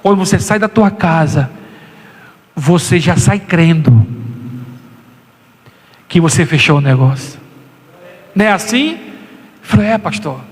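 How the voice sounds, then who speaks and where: A male pastor preaches a sermon in a notably high voice, driving hard and leaping upward whenever he acts out a quote. His words ring out with the long reverb of a church hall. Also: lively intonation, a little slow, pauses often. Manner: impassioned preaching with sudden high-pitched acted quotes.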